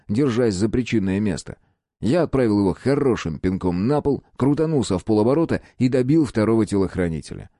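A man reading a first-person audiobook in an expressive, lively manner. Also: lowish voice, no echo, studio quality. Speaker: audiobook narrator.

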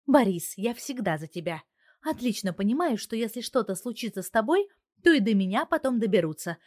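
A woman's voice: on the high side, sing-song, brisk, darkish tone, no room sound, studio quality, voice pushed up. A woman playing a bossy, scolding young wife. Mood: earnest. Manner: commanding, scolding. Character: sharp-tongued young wife, bossy computer genius.

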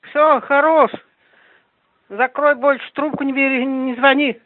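A man's voice: extremely high pitch, steady tone, measured pace. A man answering a phone call, curt and dismissive, heard over a noisy, clicking, tinny phone line. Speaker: call recipient. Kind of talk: phone conversation.

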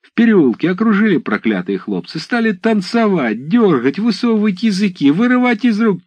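A man reading an audiobook, voicing frightened village watchmen who plead and shout in a rush. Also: lowish voice, big pitch swings, a little slow, dry recording. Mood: panicked pleading.

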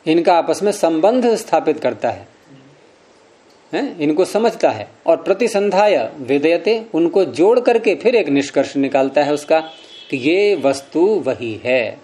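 In a fairly high, mellow, expressive voice, a man unhurriedly lectures a class on Sanskrit philosophy, explaining sutras. He recites in Sanskrit, repeats key words, and questions his students often.

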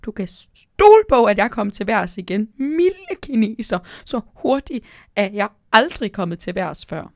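A woman's voice: very animated, no room sound, studio quality. A woman voicing an old, shortsighted owl who is embarrassed and apologetic, read for a children's storybook. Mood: sheepish. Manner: flustered and apologetic, high-pitched.

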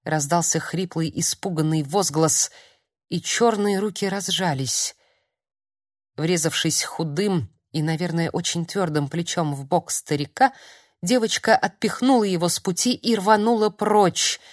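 A woman narrating an audiobook in a measured storytelling manner. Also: on the low side, no echo, studio quality. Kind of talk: scripted narration.

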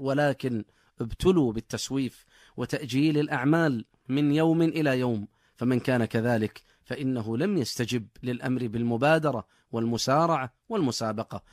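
A man giving a scripted religious radio talk in formal standard Arabic, as a scholar with formal, measured oratory. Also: medium pitch, dry recording, clean studio sound.

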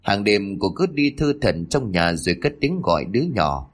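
A man's voice: fairly low pitch, big pitch swings, normal speed. A man narrating a dramatic family story in scripted storytelling.

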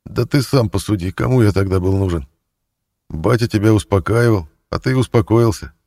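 A man's voice: on the low side, moderate pace, voice pushed up. A man playing a brash, cocky thief in a cell. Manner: loud, cocky and demanding. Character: brash streetwise male thief, a prisoner.

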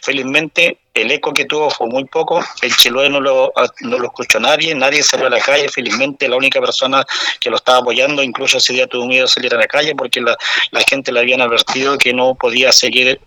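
Man, earnest steady explaining, sharp tense tone, dry sound. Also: mid-range voice, quick pace, dry recording, rough recording. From Chile. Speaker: community spokesman (werkén) interviewed as guest. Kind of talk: interview over a remote line.

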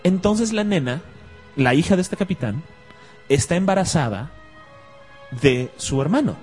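A man's voice: on the high side, expressive, measured pace, darkish tone. A chatty Mexican man hosting an online radio show about comics. He jokes and laughs easily as he talks, and faint music plays behind him. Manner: chatty, jokey, laughs often. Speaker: radio host.

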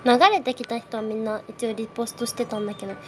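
A woman's voice: fairly high pitch, fairly even intonation, fast talker, soft background music. A young woman hosting a live audio space, greeting listeners in casual chat, her voice shaky and nervous with frequent little laughs.

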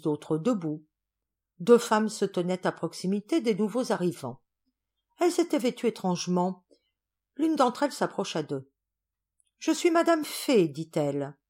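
A woman narrating a comic science fiction audiobook in a lively, expressive reading. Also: mid-range voice, moderate pace. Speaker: audiobook reader.

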